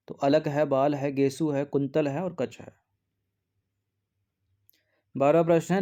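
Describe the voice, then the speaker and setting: A man with a fairly high, mellow voice goes through test questions one at a time as an exam prep teacher. He explains each answer patiently and keeps checking in with his listeners. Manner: patient, repeats "theek hai" often.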